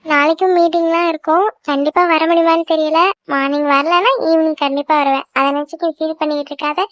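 A woman voicing a young woman in a Tamil-language cartoon, chatting in a brisk, reassuring way. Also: high-pitched, steady tone, no room sound, highs cut off.

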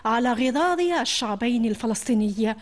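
A woman reads the television news in a formal, composed newsreader manner. Her voice sits a little high, steady from sentence to sentence. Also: a little fast. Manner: formal, even newsreader delivery. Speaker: news anchor. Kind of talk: news reading.

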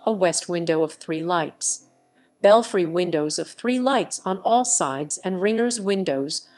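A woman reading an encyclopedia article aloud in an even narration, reading symbols and captions out literally. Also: fairly low pitch. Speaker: article reader.

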